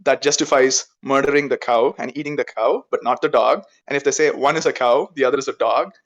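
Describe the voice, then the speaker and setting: A man's voice: medium pitch, steady tone, a little fast, lo-fi sound. A man debating in an online voice chat, insistent, leaning on "right?" tags and formal logic terms.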